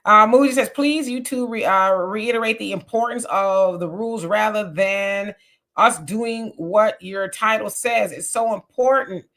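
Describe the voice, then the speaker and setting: A woman's voice: medium pitch, unhurried, a bit bright. A woman in her fifties chats on a livestream, reading out viewer comments. She talks casually, with easy fillers and asides. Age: 50s. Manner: chatty, reads comments aloud with fillers.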